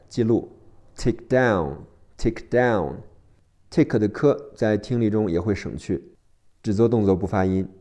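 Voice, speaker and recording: A man teaching English vocabulary, spelling each word out letter by letter and repeating the sounds slowly. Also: lowish voice, dark tone. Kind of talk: spelling and phonics vocabulary lesson.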